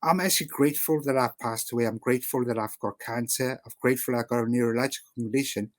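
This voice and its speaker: A man's voice: medium pitch, fast, no echo. A man from South Africa with an English-sounding accent, guest on an interview, rambling with lots of fillers. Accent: English-sounding, not South African. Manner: rambling with many "you know" fillers. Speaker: guest artist. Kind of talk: casual interview talk.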